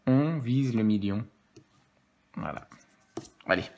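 A man's voice: medium pitch, expressive, slow pace, a little mellow, slight background noise. A man giving casual live commentary as a scratch-card streamer, playful and jokey, counting numbers aloud and chatting with his viewers.

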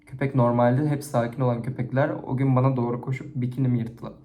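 A man chatting casually to a camera, reading out embarrassing stories and rating them, expressive and chatty. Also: mid-range voice, fast talker. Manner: chatty and expressive, with frequent laughter. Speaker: YouTuber reading viewers' stories. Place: indoors at home, set-up camera. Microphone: camera on a stand. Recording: echoey room.

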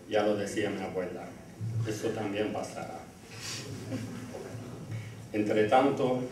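A middle-aged man reads a formal graduation speech from notes, standing at a lectern in an indoor classroom. His fairly low, darkish voice goes through a lectern mic but is heard from afar by a far camera, in an echoey room with a little hiss or hum.

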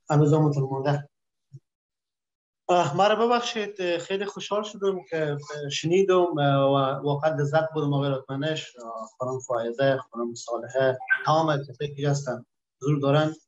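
A man with a fairly high voice speaks quickly and apologetically as he greets the others, using many fillers. The sound is dull and lo-fi.

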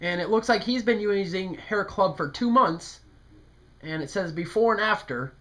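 Here the young American prank caller sounds high-pitched and a bit bright, talking at normal speed in the guise of a polite, folksy, hesitant older customer. A camera sits close by in the small bedroom while he speaks into the speakerphone in his hand.

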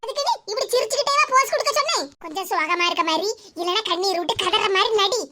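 A woman's voice: very high voice, animated, quick pace, bright, forceful tone, heavily acted. A woman voicing a bossy, scolding old female friend in a cartoon comedy, with a Kanyakumari Tamil accent.

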